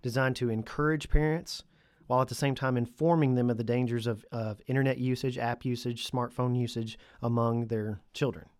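A man's voice: mid-range voice, steady tone, fairly quick, darkish tone, no room sound, clean studio sound. A man with a stuffy nose hosting a podcast on his own, chatting casually and conversationally with lightly joking asides. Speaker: podcast host. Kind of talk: casual solo podcast talk.

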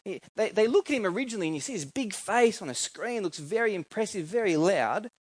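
This Australian preacher from New South Wales talks fast in a high, expressive voice. His sermon is casual and conversational, weaving scripture readings together with personal stories and frequently putting questions to the audience. The audio is dry.

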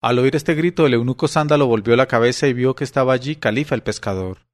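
A man narrating classic tales as an audiobook, with an even, clear storytelling delivery. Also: mid-range voice, quick pace.

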